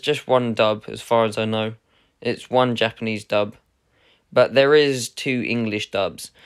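Male vlog host, mid-pitched, resonant voice, casual and rambling, keeps correcting himself. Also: fairly bright tone. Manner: rambling, hesitant, with many "uh"s and self-corrections. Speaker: channel host unboxing a film collector's edition.

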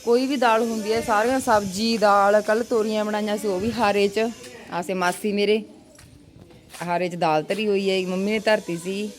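A woman with a Punjabi accent chatting casually as a family vlogger, with an animated, exclaiming manner. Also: medium pitch, normal speed. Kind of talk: casual family vlog chat.

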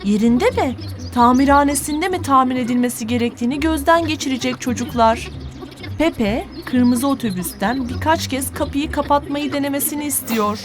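A woman narrates a children's educational cartoon in a fairly high voice, reading scripted lines to kids at normal speed. She is encouraging and instructive, articulating clearly in a didactic way, with music clearly audible underneath.

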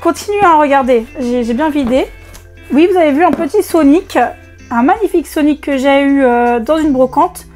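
High-voiced excitable French woman vlogger. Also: moderate pace, faint music behind. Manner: excitable, chatty, many fillers. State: strained voice, holding back from shouting. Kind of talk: casual unboxing vlog.

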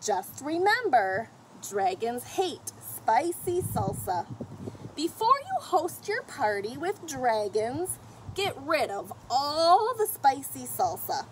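Reading aloud to children from a picture book, a middle-aged woman speaks in a high-pitched, slow voice full of emphasis and expression, turning to address the children and characters directly. It's recorded outdoors on a fenced patio or deck by a camera a short distance away, with faint noise.

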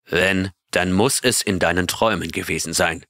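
A gruff, skeptical expedition captain in an audiobook, as a male reader puts him on. He speaks dryly in a very low, forceful voice. The recording is dry and close. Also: normal speed, no room sound.

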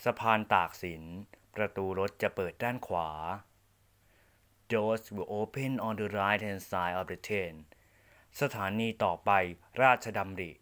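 A man reading formal onboard train announcements, in a measured, deliberate delivery. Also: fairly low pitch, a bit bright. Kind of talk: prerecorded bilingual train announcements.

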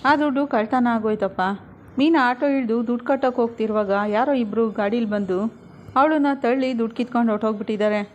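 A kindly older flower-seller hurries to explain what happened, read out by a woman. The voice is fairly high and quick, and the recording sounds dull. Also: darkish tone, slight background noise, lightly acted. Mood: urgent.

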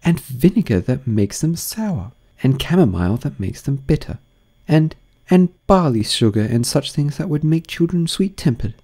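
A man's voice: on the high side, big pitch swings, moderate pace, mellow, voice pushed up. A man voicing a polite, curious young girl who speaks earnestly in a lightly raised voice. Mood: musing, polite.

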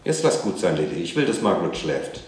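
A man's voice: sits low, very animated, a little fast, distant mic. A man reading aloud who voices a weary, patient mother putting her children to bed and scolding them firmly. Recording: echoey reading room.

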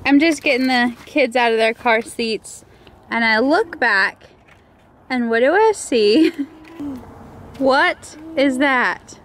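A woman's voice: high-pitched, slow pace, pauses often, a bit bright. A woman and mother chatting casually to camera in a family vlog, giggling often. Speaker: vlogger and mother. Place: car and grocery store. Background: background music.

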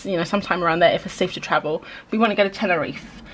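A woman's voice: lowish voice, racing, a bit bright, slight background noise. A young woman chatting casually in a vlog voice-over, rambling and self-deprecating as she answers viewer questions.

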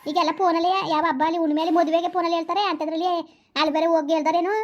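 Brief: shrill, rapid village woman in a skit, scolding, dull lo-fi recording. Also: level tone. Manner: scolding, consoling, rapid-fire. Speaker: comedy sketch performer. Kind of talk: village comedy sketch. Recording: dull lo-fi sound.

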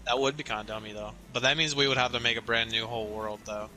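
A man's voice: medium pitch, fairly even intonation, fast talker, sharp tone, slight background noise, poor audio. A young man in casual voice chat with friends, laughing often and talking in loose slang.

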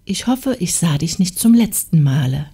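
A woman voicing a kindly, gracious male knight in a fairy tale audiobook, speaking gently and courteously. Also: on the low side, animated, moderate pace, creaky, husky, full character voice.

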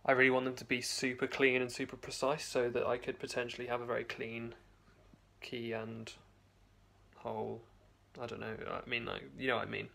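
A man's voice: medium pitch, monotone, a little fast, vocal fry, bright, forceful tone. Young man rambling in a basement. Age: young adult. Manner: rambling, hesitant, many restarts. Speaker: vlogger. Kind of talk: casual video diary. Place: home basement, indoors. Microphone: phone camera held close.

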